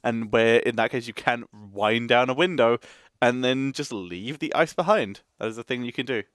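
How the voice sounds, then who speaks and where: A man's voice: medium pitch, normal speed, fairly bright tone, clear, resonant tone, dry recording, clean studio sound. A man from Essex co-hosting a casual reaction chat, explaining things at length and laughing often. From Essex, England. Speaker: co-host.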